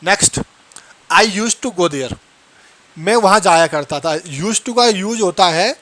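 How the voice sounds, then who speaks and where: A man teaching English, drawing out each example sentence slowly and repeating it before explaining. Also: high voice, a bit bright. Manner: slow, drawn-out English example sentences between Hindi explanations. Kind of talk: Hindi-language English lesson.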